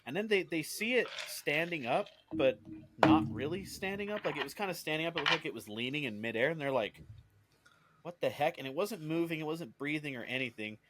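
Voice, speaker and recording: A man's voice: fairly high pitch, animated, a little fast, very noisy. A man co-hosting a podcast, telling a story in casual chat with lots of restarts. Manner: rambling with many restarts and fillers. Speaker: podcast co-host.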